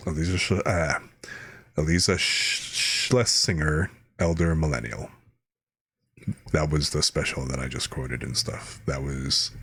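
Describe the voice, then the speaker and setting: Streamer guy from the us, super low voice, dry sound, just rambling through stories casually. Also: a bit bright, slightly rough, no echo. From United States. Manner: rambling, anecdotal storytelling. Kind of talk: casual chat.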